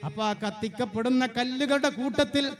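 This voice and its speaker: A man voicing a pious stone that weeps, with a mournful, drawn-out pleading delivery. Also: very high voice. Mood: fearful lament. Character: pious weeping stone fearing hellfire.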